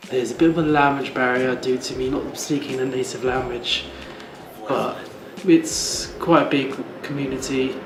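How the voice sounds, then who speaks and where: A man's voice: mid-range voice, steady tone, moderate pace. A young man answering an interview question in a wistful, hesitant way. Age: young adult. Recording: echoey room with noise.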